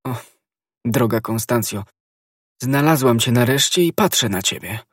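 A man's voice: mid-range voice, lively intonation, measured pace, a bit bright, breathy edge, no echo, clean studio sound. A man voicing a cunning, deceitful noblewoman in an audiobook, guarded and evasive. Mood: effusive. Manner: stammering, evasive when cornered.

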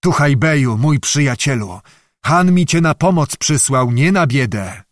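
A man's voice: mid-range voice, animated, a little slow, no room sound, clean studio sound, lightly acted. A man doing a cunning, firm Cossack leader. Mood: persuasive.

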